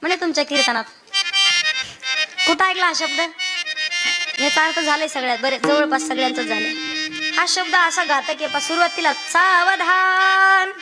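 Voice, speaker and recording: A woman preacher giving a devotional kirtan sermon, asking the audience questions and slowly singing verses. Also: high voice. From Maharashtra, India.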